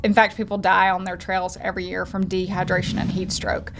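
A woman's voice: fairly low pitch, completely flat delivery, brisk, loud music behind the voice. Woman giving earnest hiking advice. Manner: earnest, advising. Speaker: travel vlog co-host. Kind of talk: scripted commentary with co-host.

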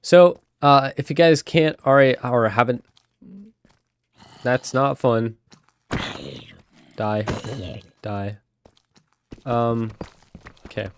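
With a nasal, stuffed-up voice from a cold, a young gaming host rambles chattily over his gameplay, erupting into occasional excitement. He speaks slowly at a medium pitch with long pauses, his tone clear and resonant.

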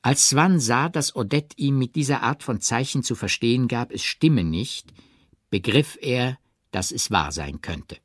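A man narrating a classic novel as an audiobook in a measured, expressive reading. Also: medium pitch, breathy edge, no echo, studio quality. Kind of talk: scripted literary narration.

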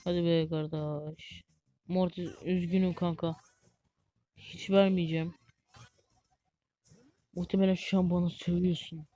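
A woman giving live gameplay commentary as a gaming YouTuber, excitable and easily frustrated, chatting to viewers like friends. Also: on the low side, measured pace, long pauses.

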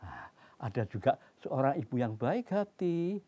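An older man tells a children's fairy tale, stretching out words in a playful, drawn-out way. His pace is very slow and his pitch swoops up and down with animation. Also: big pitch swings, mellow. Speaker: children's storyteller. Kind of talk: storytelling for children.

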